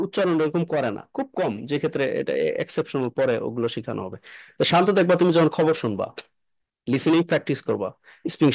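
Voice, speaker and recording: A man's voice: fairly high pitch, dry recording. Dry-voiced man teaching pronunciation. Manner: repeats words slowly for students, asks questions. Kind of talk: classroom lesson in a room.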